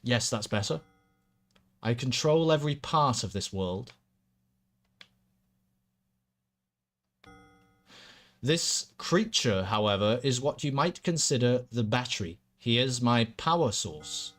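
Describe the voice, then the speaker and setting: A man's voice: medium pitch, expressive, unhurried, fairly bright tone, soft background music. A man voicing a bored, haughty villainous lord in a video game, with a languid, pompous regency aristocrat manner. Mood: smug, menacing. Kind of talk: video game dialogue read aloud in character.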